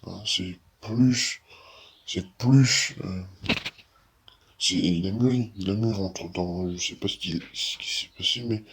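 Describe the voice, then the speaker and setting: Young man in a disguised deep voice. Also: unhurried, slight background noise, low-quality recording. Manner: rambling, with many restarts and repeats. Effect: disguised, altered deep voice. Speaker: YouTuber. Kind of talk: casual opinion monologue.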